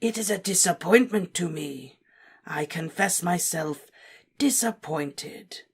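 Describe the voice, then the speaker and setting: Voldemort, a woman reading as a soft menacing dark lord. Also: lowish voice, slightly rough, pitched above the performer's own voice, exaggerated voice. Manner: soft, menacing, slow and deliberate. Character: cold cruel male dark wizard lord.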